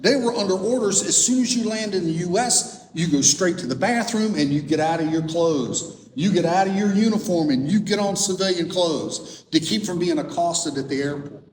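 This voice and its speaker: A man's voice: normal speed, few pauses. A middle-aged man gives a storytelling talk as an author, acting out the people he quotes. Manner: lively storyteller who acts out quoted dialogue. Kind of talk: storytelling presentation. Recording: roomy hall echo, distant mic, faint rumble.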